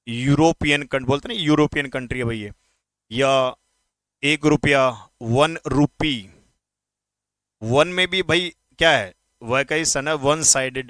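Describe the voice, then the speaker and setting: A man teaching English grammar in an exam-prep lesson, speaking informally to students and repeating words slowly to drill pronunciation. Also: a little high, fairly bright tone, no room sound. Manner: addresses students informally, asks quick questions.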